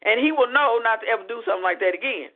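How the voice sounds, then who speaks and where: Animated woman storyteller on a phone line. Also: fairly high pitch, racing. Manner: chatty, animated storyteller with lots of "you know". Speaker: minister on a prayer call. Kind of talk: conversational testimony on a prayer line.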